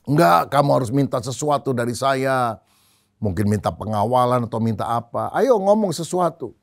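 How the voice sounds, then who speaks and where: A preacher acting out a proud male army general in a sermon story, switching between booming orders and low, gentle explanation. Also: lively intonation, moderate pace, close to an everyday voice. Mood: insistent. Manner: booming and commanding when angry, low and soft when explaining. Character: proud male army general, hot-tempered then teasing.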